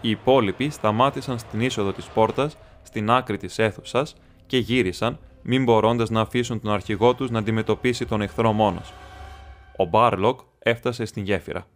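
A man narrating an audiobook in a measured, steady storytelling manner. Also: fairly low pitch. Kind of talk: scripted narration.

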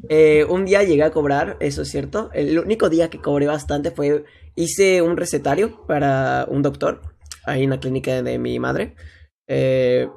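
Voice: medium pitch, fairly even intonation, normal speed, creaky, a little mellow. A young podcast host with a Mexican accent, chatting casually and rambling with lots of fillers.

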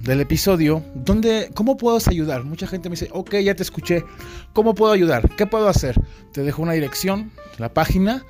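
A man hosting a podcast in a loose, chatty way, circling back and restarting his phrases. His voice sits a bit high for a man. A faint guitar plays underneath. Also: darkish tone. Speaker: podcast host. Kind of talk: casual podcast intro.

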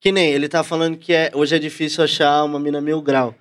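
A man's voice: on the high side, little pitch movement, quick pace, clean tone. A man, interviewing in a casual chat full of street slang.

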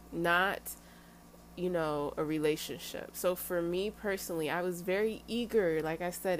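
A woman's voice: fairly low pitch, a little hiss or hum. A young adult woman talking candidly to her viewers, chatty and emphatic, with laughing asides. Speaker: vlogger sharing dating lessons. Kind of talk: casual personal talk to camera.

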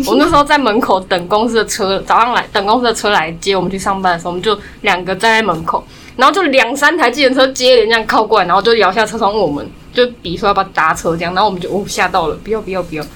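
A young woman from Taiwan chatting casually, telling stories in quick run-on clauses. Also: mid-range voice, animated, fairly bright tone, slight background noise. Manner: rapid storytelling, strings clauses with "然后". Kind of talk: casual chat.

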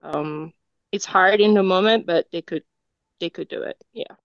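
Woman guest from Cameroon, lowish voice, earnest and composed, dull dry recording. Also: normal speed, no room sound. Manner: earnest, composed, speaks in lists. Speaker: guest, engineer and academic coach. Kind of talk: interview answers.

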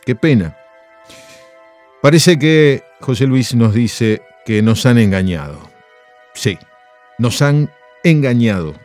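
Animated radio host. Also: male voice, mid-range voice, slow pace, pauses often, soft background music. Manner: animated storytelling, rhetorical questions. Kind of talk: radio chat and story reading.

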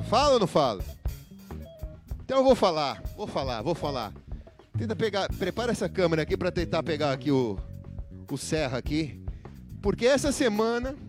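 A man preaching as pastor in a church, telling a funny story and joking with his congregation in a livestreamed sermon. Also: sits high. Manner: joking, chatty, asks the congregation questions. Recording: guitar music playing underneath. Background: guitar music.

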